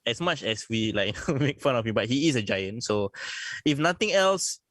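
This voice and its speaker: A man's voice: medium pitch, animated, moderate pace, a bit bright, no room sound. Blunt Singaporean man, dry close sound. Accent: Singaporean English. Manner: blunt, opinionated, laughs often, swears. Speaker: podcast co-host. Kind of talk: casual wrestling podcast chat.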